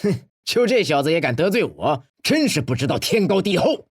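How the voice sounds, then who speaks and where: A man's voice: fairly high pitch, sing-song, moderate pace, slightly rough. An actor playing a boastful, scheming male businessman villain who bullies and gloats. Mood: gloating. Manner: bullying, then fawning and gloating. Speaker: rival beauty-salon boss.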